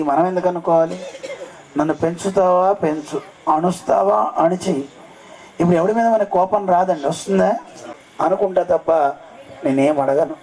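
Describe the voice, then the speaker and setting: A religious speaker, a man whose voice is a little high and darkish in tone, tells scripture stories during a devotional discourse at a temple festival, frequently quizzing his listeners. The recording quality is low.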